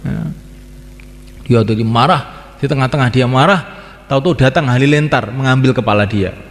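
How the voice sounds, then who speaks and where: A man's voice: mid-range voice, moderate pace. A man from Indonesia, preaching to a gathering and repeating his phrases again and again. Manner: repeats phrases, sings call-to-prayer lines. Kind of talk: religious talk to a gathering. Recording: long hall reverb.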